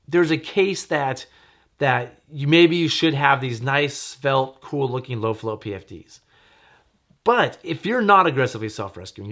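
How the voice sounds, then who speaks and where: A man's voice: fairly high pitch, fairly bright tone. A man hosting a gear show, explaining his opinion in a casual way and thinking aloud with frequent restarts.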